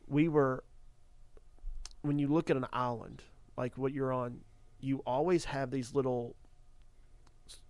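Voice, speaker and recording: A man's voice: mid-range voice, steady tone, measured pace, long pauses, a little mellow, no echo. A man hosts a faith talk show in an earnest, encouraging voice. He leans on repetition to drive each point home, and his voice sounds close and dry, with no room around it. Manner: earnest, repeats phrases for emphasis. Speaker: ministry podcast host.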